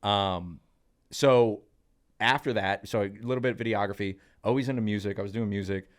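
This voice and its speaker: A man in his thirties telling stories from his career on a podcast, chatty and lively, with plenty of fillers. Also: on the low side, a little fast. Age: 30s. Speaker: podcast co-host. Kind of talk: casual storytelling in podcast chat.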